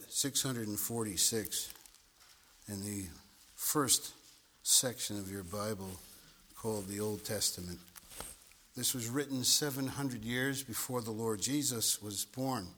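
Male preacher at a pulpit mic in church, real slow and deliberate, repeats himself, builds to big emphatic peaks. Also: sharp tone, slight background noise. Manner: deliberate, repeats words, swells to emphatic high points. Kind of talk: sermon.

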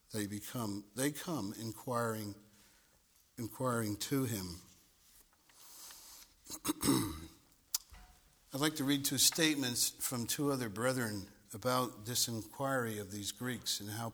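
A man preaching a sermon in a church at a pulpit microphone. He speaks deliberately, repeats words and swells to emphatic high points. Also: fairly bright tone.

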